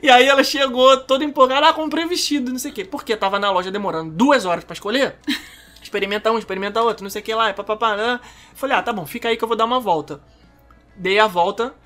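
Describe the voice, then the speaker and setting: Fast-talking bright-voiced Brazilian man. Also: sits high, faint music behind. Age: 30s. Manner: animated storyteller, self-mocking grumpy tone. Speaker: podcast co-host. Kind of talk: casual chat between a couple.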